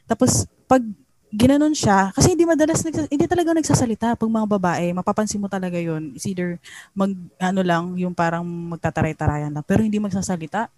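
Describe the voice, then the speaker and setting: A woman's voice: medium pitch, quick pace, dry recording. Woman on a podcast, chatty storyteller, dry close mic. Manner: animated storyteller, laughs often. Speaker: podcast co-host. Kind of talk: casual chat.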